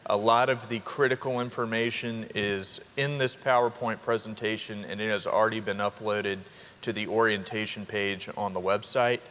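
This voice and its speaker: A young man, a college dean of students giving an upbeat orientation welcome to students and parents, with quick asides to the crowd. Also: fairly low pitch, fairly even intonation, a bit bright, slight background noise. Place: large hall. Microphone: handheld microphone. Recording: reverberant hall with faint ambience.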